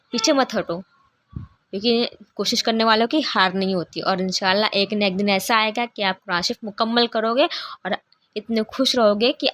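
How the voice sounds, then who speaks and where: A woman teaching a beginners' Quran reading lesson, patient and encouraging, drawing out each letter sound for learners to repeat. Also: medium pitch.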